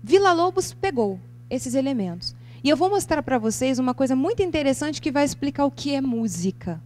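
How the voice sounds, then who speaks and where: A Brazilian woman lecturing to a live audience on music and spirituality, animated and expressive, asking her listeners question after question. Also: a little fast, a little hiss or hum. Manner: lively, expressive intonation with sudden leaps in pitch. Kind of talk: seminar talk to a live audience. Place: lecture venue.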